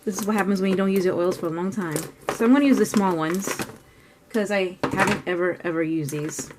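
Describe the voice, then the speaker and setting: A woman's voice: medium pitch, fairly quick, background noise. A woman vlogging as she paints, chatting casually and thinking aloud in a rambling way. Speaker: art vlogger. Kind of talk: casual narration while painting.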